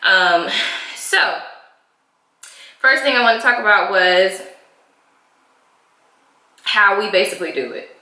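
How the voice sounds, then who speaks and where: A woman talks in a casual chat vlog, her voice bright and forward. She chats loosely, dropping frequent ums. The room around her echoes noticeably. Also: mid-range voice, animated, slow, long pauses. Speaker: co-host of a married-couple channel. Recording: roomy echo.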